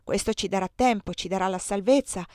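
A woman's voice: medium pitch, brisk, darkish tone, dry recording, lightly acted. A woman reading the part of a resolute young serving woman who speaks with determined, pleading urgency, in a dry close recording.

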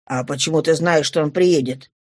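A scheming old man who barks orders and clips his words short, as a woman reader puts him on. The voice sits well below the reader's own, hard and curt. An audiobook character sketched through low, blunt commands. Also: normal speed, darkish tone, dry recording. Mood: gruff, wary. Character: scheming gruff old man, a poor father. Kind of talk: audiobook reading.

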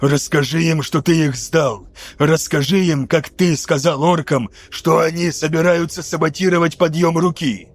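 A man voicing a furious veteran male sergeant-major, gruff and menacing. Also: on the high side, steady tone, normal speed, dry recording, natural voice.

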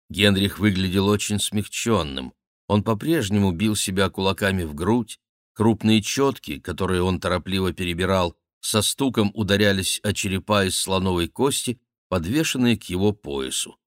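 A man narrating a historical novel as an audiobook, in a measured, even storytelling manner. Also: low-pitched, dry recording, clean studio sound. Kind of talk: scripted literary narration.

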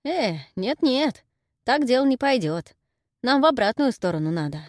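A woman's voice: sits high, very animated, normal speed, no room sound, clean studio sound, voice pushed up. Woman doing a blunt hulking guard.

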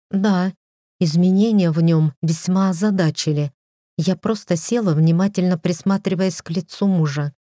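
Woman reading a novel, mellow and low. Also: dry recording, clean studio sound. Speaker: audiobook reader. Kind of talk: first-person novel narration.

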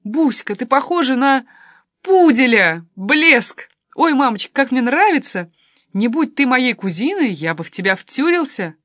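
A woman reading a story, voicing a brash, excitable adult male cousin. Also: on the high side, moderate pace, few pauses, no room sound, studio quality. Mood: excited. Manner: blunt, exclamatory, impatient.

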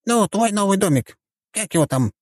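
A man doing a soft, high, whiny little god. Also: animated, normal speed, dry recording, clean studio sound. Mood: chummy. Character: small mischievous male deity, chummy and tired.

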